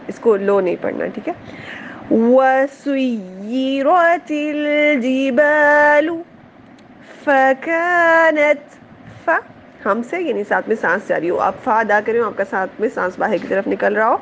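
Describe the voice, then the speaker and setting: With a gravelly mid-range voice, a woman teaches tajweed, carefully explaining Quranic sounds, repeating them slowly and checking her students' understanding. The recording is muffled, with a little hiss or hum.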